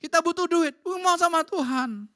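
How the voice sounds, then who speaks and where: A woman pastor preaching a sermon in a church, talking in a lively, conversational way straight to the congregation. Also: extremely high pitch, normal speed.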